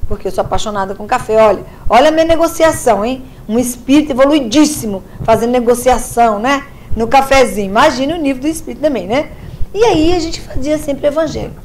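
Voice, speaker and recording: A Brazilian woman lecturing at a Spiritist center with a fairly high voice, telling stories briskly and acting out the dialogue. Faint hall ambience sits behind her speech. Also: slight background noise. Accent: Brazilian Portuguese. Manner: lively storytelling, acting out dialogue. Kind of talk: religious lecture.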